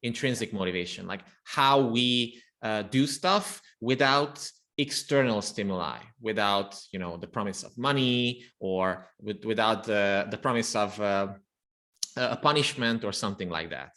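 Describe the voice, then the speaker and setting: A man's voice: on the low side, unhurried, bright, forceful tone. Hungarian-speaking copywriter man, thoughtful. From Romania. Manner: thoughtful, restarts often. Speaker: guest copywriter. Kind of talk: podcast interview.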